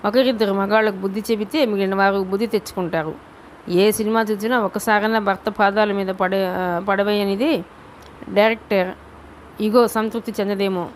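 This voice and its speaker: A woman narrating a novel as an audiobook, reading in a steady, deliberate way. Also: medium pitch, slight background noise.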